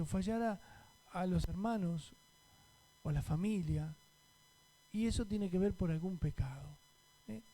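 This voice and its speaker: A man's voice: high-pitched, dark tone. A man with a Rioplatense Spanish accent, a pastor preaching a conversational sermon and asking the congregation questions. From Argentina.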